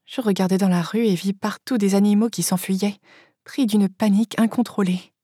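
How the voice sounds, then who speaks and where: Brief: woman narrator, husky voice, dry close sound, steady first-person audiobook reading. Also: mid-range voice, normal speed, dry recording.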